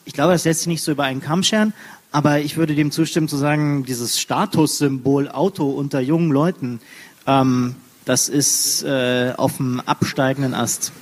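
A man's voice: medium pitch, steady tone, normal speed. A man from Berlin speaking on a discussion panel, emphatic and shifting his pace. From Berlin, Germany. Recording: long hall reverb.

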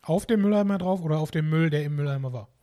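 A man hosting a casual podcast chat, listening calmly with short agreeing replies and dry remarks. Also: on the high side, quick pace.

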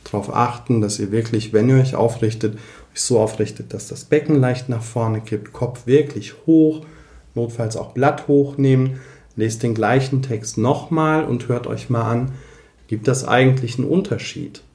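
Voice coach guy, mellow tone, explaining voice technique in an interview, roomy echo. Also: mid-range voice, normal speed. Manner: demonstrates voice techniques while explaining. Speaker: voice coach and speech therapist.

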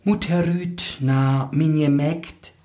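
A man's voice: on the high side, steady tone, drawn-out words, dark tone, pitched above the performer's own voice. A man voicing an ugly, scheming young bride who scolds shrilly. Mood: haughty. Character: false bride, ugly young woman, scheming and short-tempered.

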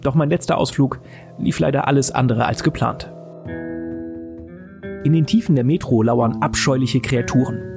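Playing a weary, bleak mercenary survivor, a man gives grim, brooding first-person narration for an audio drama in a literary style. His medium-pitched voice has vocal fry, moves at a moderate pace with frequent pauses, and sounds lightly acted. He speaks over game music, with guitar and game sound effects behind.

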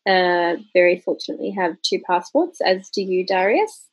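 A woman's voice: on the low side, animated, normal speed, husky, no echo, highs cut off. A woman in her thirties co-hosting a casual travel podcast, chatty and laughing often, correcting herself mid-sentence. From Australia. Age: 30s. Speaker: podcast co-host.

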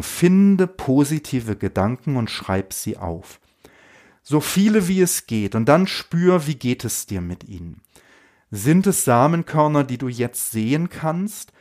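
A man giving a calm spiritual lesson with guided reflection, unhurried and often adding a questioning "ne?" to his phrases. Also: medium pitch. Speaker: meditation teacher.

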